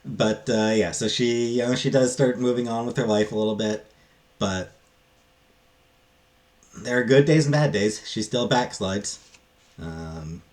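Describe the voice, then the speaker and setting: A man talks through a book review without a script, his voice very low-pitched and darkish. He rambles casually, and his halting phrases often trail off.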